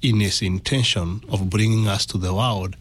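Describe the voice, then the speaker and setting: A Kenyan-accented man, a guest on an interview, shares a personal testimony in slow, halting phrases. His voice sits lowish with a steady tone, and there's a faint hiss or hum in the background.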